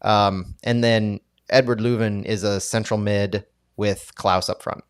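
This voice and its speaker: A man's voice: fairly low pitch, steady tone, unhurried, clear, resonant tone, no room sound, clean studio sound. A man co-hosting a casual soccer live stream, talking in a rambling, hesitant way with many fillers. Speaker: podcast co-host.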